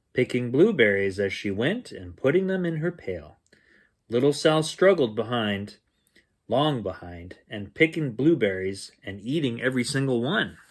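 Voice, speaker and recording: With a husky voice and lively, shifting pitch, a man gives an animated bedtime reading of a children's picture book. He acts out the sounds and dialogue expressively and drops in playful asides.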